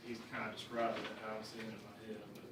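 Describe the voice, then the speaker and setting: A man's voice: fairly low pitch, completely flat delivery, quick pace. Guy giving advice at a meeting, way off mic, really echoey. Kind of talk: informal advice in a public meeting. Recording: distant, very echoey noisy meeting room.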